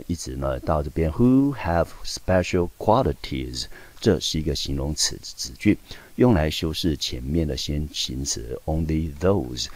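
A man's voice: rumbling low, darkish tone, no echo. A man teaching English in Taiwanese-accented Mandarin, explaining step by step and answering his own questions. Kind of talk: recorded classroom lesson. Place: high school teaching video.

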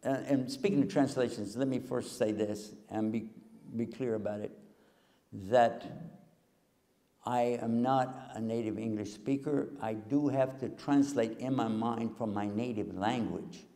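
Speaking at a measured pace in a mellow, medium-pitched voice, an older man from Texas preaches a folksy, joking, humorous lecture to a live crowd in a large hall. He is an Islamic preacher and TV host, using a handheld mic picked up by a distant camera, and the sound carries a long hall reverb.

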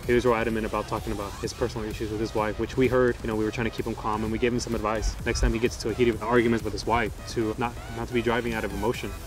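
A young policeman gives an incident account at a very fast clip. He is outdoors, with music clearly audible behind him. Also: on the low side, little pitch movement. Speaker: police officer. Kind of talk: recounting an incident to camera.

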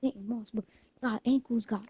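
A woman chatting excitedly while playing a football video game, slangy and boastful about her plays. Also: a little high, normal speed, slightly rough. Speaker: gamer. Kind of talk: casual gaming chat.

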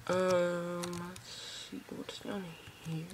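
Gravelly, rambling gameplay host. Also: medium pitch, flat delivery, very slow, background noise. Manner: chatty, rambling, talks to viewers. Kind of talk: casual gameplay commentary. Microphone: phone camera pointed at a screen.

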